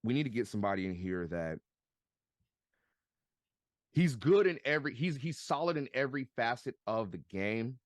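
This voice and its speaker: A man talking sports as a podcast guest, excitable and stammering, repeating words as he gets fired up. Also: mid-range voice, moderate pace, long pauses, no echo, studio quality. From United States. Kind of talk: animated casual sports chat.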